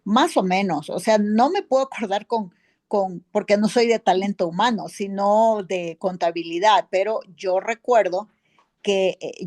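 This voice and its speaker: A woman's voice: medium pitch, darkish tone, lightly acted. A woman playing a witness in a mock trial, a neighbor and accountant who answers in a rambling way full of fillers and tag questions. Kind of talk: courtroom role-play, answering questions.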